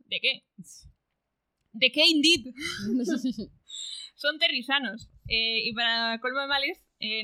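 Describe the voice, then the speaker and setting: Bright-voiced woman recapping a book. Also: on the high side, smooth, no room sound, rough recording. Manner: retells the plot with acted quotes and laughter. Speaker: podcast co-host. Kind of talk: casual book-club chat.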